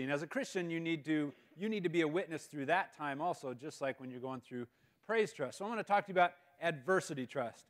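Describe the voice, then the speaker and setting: Man, guest speaker, school chapel talk, storytelling with jokes, slightly high pitch. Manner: storytelling with jokes, animated outbursts. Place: school assembly hall.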